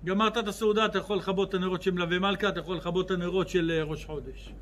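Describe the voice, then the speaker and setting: A man's voice: high voice, slight background noise. A man giving a religious lecture to a live audience, telling humorous stories and quizzing his listeners. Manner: lively storyteller who acts out dialogue in his stories; addresses the audience directly with questions.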